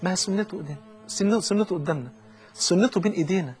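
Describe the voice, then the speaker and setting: A man's voice: sits high, very fast, darkish tone. A man with an Egyptian Arabic accent preaching a colloquial sermon and telling stories animatedly, acting out the dialogue.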